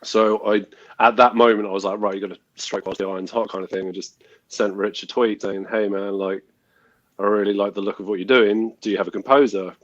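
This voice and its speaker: A man, a film composer guest, telling his story in a relaxed way. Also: lowish voice, a little fast, no echo, lo-fi sound.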